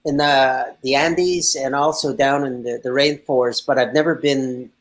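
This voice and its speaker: An enthusiastic woman chimes in and readily agrees with the others. Her voice is strikingly deep for a woman. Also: steady tone, moderate pace. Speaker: guest.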